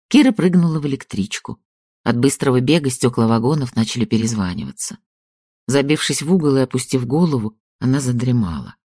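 A man narrates a literary audiobook in a calm, even reading voice. His pitch moves in a lively way through the sentences. The sound is dry and close, with no room around it. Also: no echo.

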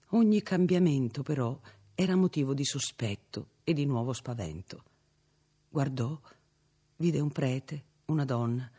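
Husky guy reading a classic novel aloud, slow and dramatic. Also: medium pitch, dark tone. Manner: measured, dramatic storytelling. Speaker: audiobook reader. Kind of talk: literary narration.

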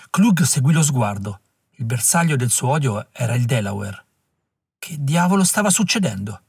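A male audiobook narrator reading with measured, dramatic pacing. His voice has a husky grain, recorded dry and close with no room sound. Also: mid-range voice, dry recording. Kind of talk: scripted narration.

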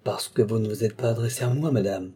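A self-assured sorcerer count from a classic novel, voiced by a man reading the audiobook. He speaks calmly and persuasively, in a dark, husky tone that never loses its composure. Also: lowish voice, fast talker.

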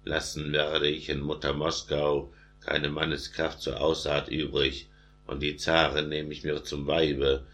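A man's voice: extremely low pitch, monotone, measured pace, fairly bright tone. A man voicing a boastful, threatening villain king in a read-aloud epic poem. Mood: menacing. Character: heretic Swedish king, boastful male villain.

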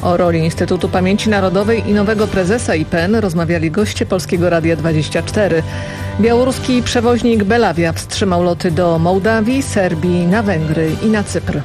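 A woman reading a scripted radio news bulletin in a steady, formal manner. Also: fairly low pitch, normal speed, music in the background. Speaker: radio newsreader. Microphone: studio mic.

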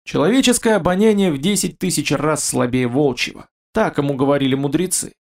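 Guy reading a fantasy story aloud, raspy gravelly voice, kinda high, steady pace. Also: a little fast. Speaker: narrator. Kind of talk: audiobook narration.

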